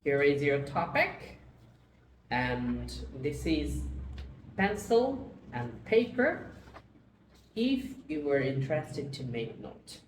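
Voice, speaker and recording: Low, slow-speaking woman as test examiner, formal; recorded from a distance in an echoey room. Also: big pitch swings, slight background noise. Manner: formal, measured questioning. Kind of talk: scripted exam questions. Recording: echoey room, far from the mic.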